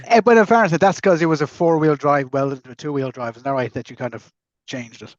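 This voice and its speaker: An Irish man co-hosting a podcast, chatting casually and cracking quick jokes. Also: a little high, no room sound, lo-fi sound. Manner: joking, quick quips. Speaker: podcast co-host. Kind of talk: casual chat.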